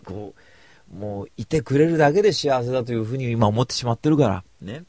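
A man hosting a talk show, telling a rambling casual anecdote in close studio sound, swinging from mumbled asides to loud bursts. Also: mid-range voice, lively intonation, brisk, no echo.

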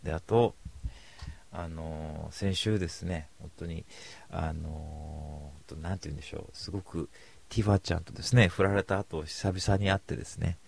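Gravelly-voiced man telling a rambling story. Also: low voice, fairly even intonation, moderate pace. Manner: drifts between mumbling asides and loud bursts. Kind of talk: casual rambling anecdote.

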